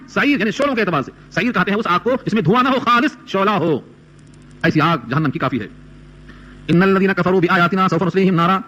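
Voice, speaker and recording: A man delivers a Quran commentary lecture in a high, bright voice. He recites a verse, then unpacks it with questions to his listeners. The sound has a broadcast, radio-like quality. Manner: recites Arabic verses, then explains them in Urdu with rhetorical questions. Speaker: Quran teacher.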